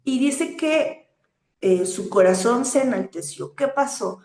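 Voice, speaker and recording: A woman's voice: sits high, lively intonation, takes it slowly, darkish tone. A woman preaching a sermon, teaching earnestly with rhetorical questions and frequent hesitant fillers. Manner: hesitant fillers between phrases. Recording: echoey room.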